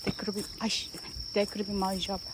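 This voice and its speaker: A woman talks casually to her dogs in a medium-pitched, monotone voice at a slow pace, shifting from loving baby talk to pretend scolding and dropping into English at times. The recording carries noisy outdoor ambience.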